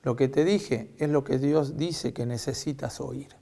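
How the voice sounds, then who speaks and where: A man with an Argentine accent voicing a solemn old prophet who speaks slowly and quietly in a gravelly tone. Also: fairly even intonation. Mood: solemn warning. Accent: Argentine Spanish. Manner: slow, low, measured warning.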